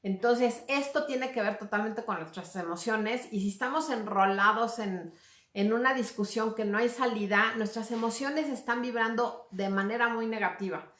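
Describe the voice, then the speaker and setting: In a room with noticeable echo, a woman with a fairly high, fairly bright voice talks casually to viewers as a communication coach. Her pace is moderate and her tone conversational, with small tag questions to check in.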